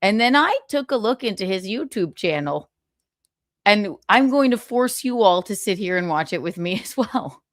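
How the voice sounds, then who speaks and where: A woman's voice: mid-range voice, lively intonation, normal speed, no room sound, studio quality. Theatrical, sassy woman hosting a livestream. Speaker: live stream host. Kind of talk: casual gossipy livestream chat.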